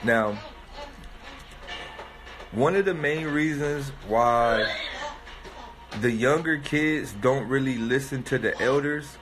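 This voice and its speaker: A man in his thirties, a rapper streaming live, speaks in a mid-range voice, slowly and with long pauses, over background music. He has a cold and sniffles a bit while thinking aloud in a loose, rambling monologue full of fillers and restarts.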